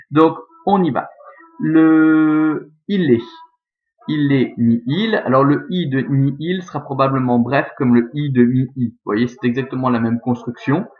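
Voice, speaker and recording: A man's voice: mid-range voice, phone-quality sound. A man teaching a lesson, methodically walking through the scansion of a verse step by step. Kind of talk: scanning Latin verse in a recorded lesson.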